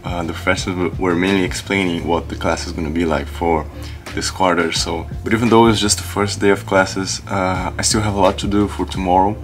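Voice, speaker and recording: A young Brazilian college student whose first language is Portuguese talks in a casual vlog from his dorm room, recorded on a camera held at arm's length. His voice is deep and steady, a little fast with hardly any pauses, and he sounds upbeat and chatty, dropping lots of "uh" fillers while music plays behind him.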